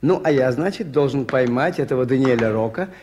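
A man's voice: mid-range voice, lively intonation, a little fast, a little mellow, a little hiss or hum, lightly acted. Father Brown, mild priest detective played by a man. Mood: wry, curious. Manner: polite, questioning. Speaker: radio drama actor. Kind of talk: 1980s Soviet radio theatre acting.

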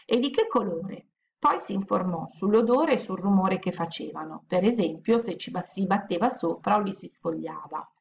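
A woman reading a children's storybook aloud with gentle, steady pacing. Her voice has a gravelly, creaky texture at a middle pitch. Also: moderate pace, muffled recording, a little hiss or hum. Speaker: audiobook reader.

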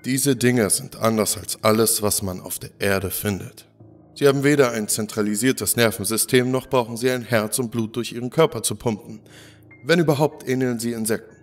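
A man's voice: medium pitch, normal speed, faint music behind, close to an everyday voice. A man voicing a brilliant, irritable male doctor who explains things precisely in a lecturing way, in a spoken horror story.

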